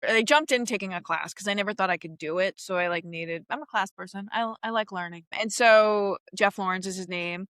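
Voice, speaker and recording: A woman comedian from Queens, chatting as a podcast guest in a lively way, often laughing and acting out voices. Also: mid-range voice, brisk, hardly any pauses, no echo. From Queens, New York. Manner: animated, laughing, acts out quoted voices. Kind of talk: casual interview chat.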